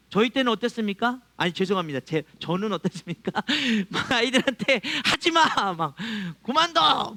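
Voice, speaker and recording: A man's voice: very high voice, fairly bright tone. A male pastor preaching a sermon to his congregation, acting out quoted voices and chuckling often. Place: church.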